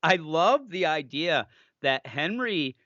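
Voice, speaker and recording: Animated man chatting about comics. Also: a little high, slow, no room sound, dull audio. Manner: animated, acts out character lines in voices. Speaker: comic book podcast co-host. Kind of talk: casual review chat.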